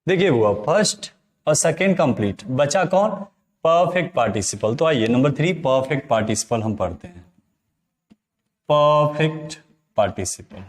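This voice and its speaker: A man teaching an English grammar lesson, explaining slowly, repeating key terms and often checking that the viewers follow. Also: on the high side, expressive. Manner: asks the viewers to comment.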